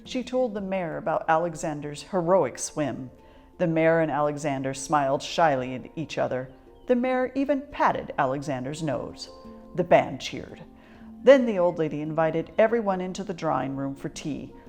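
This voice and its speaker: Faint music surrounds a woman reading a children's storybook as storyteller. With a lowish voice, she reads in a measured, articulate and expressive way.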